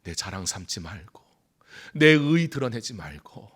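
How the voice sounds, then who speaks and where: A male pastor delivers a Sunday sermon in a church sanctuary. His voice is bright and forceful, and his pitch rises and falls in lively swings. He pulls back to hushed whispers and acts out short exchanges between people. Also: a little slow, slightly rough. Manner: animated, swings from loud outbursts to hushed whispers.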